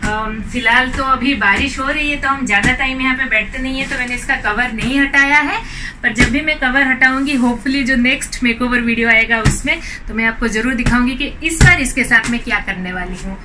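Her voice a little high and a little fast, a home decor vlogger in her thirties cheerfully narrates a casual tour of her apartment's small balcony garden, sprinkling in English words. Background noise and faint outdoor ambience come through a slightly distant camera mic.

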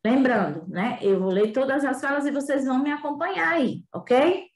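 Brief: high-voiced woman teacher, chatty with tag questions, echoey room. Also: normal speed. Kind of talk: remote class lesson.

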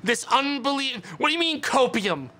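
A man's voice: very high-pitched, animated, moderate pace, pushed and bright. A man in his twenties, a streamer chatting casually with his viewers in a mock-indignant, ranting way, swearing often. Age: 20s. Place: small dim room indoors.

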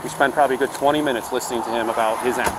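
A male police officer giving brisk short orders and recounting events casually, recorded on his body camera. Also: mid-range voice, steady tone. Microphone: own body camera. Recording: noisy body-camera audio.

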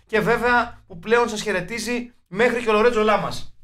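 High-voiced man riffing on films. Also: a bit bright. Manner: wry, drawn-out comic riffs. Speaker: podcast co-host. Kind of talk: casual film-review chat.

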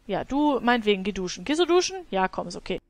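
A woman's voice: medium pitch, sing-song, fast. A woman hosting a let's play, commenting casually on her game and scolding her characters with exasperated, laughing outbursts.

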